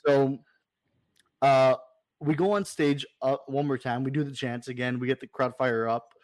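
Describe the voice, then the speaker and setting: Animated storytelling man, dry sound. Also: medium pitch, moderate pace, no room sound. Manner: animated, retells scenes with quoted dialogue. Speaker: supporters' club president, podcast guest. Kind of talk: casual storytelling.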